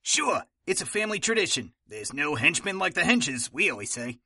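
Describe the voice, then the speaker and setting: A man's voice: a little high, big pitch swings, moderate pace, pushed and bright, dry recording, studio quality, full character voice. An actor playing a chatty, affable male officer of a henchmen's union in a comedic audio drama.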